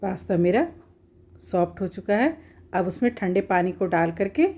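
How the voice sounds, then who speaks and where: A woman's voice: medium pitch, normal speed, darkish tone, husky. A woman at home, talking viewers through a cooking recipe step by step in a plain, homely, instructive way. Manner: homely, instructive, often says "dekhiye".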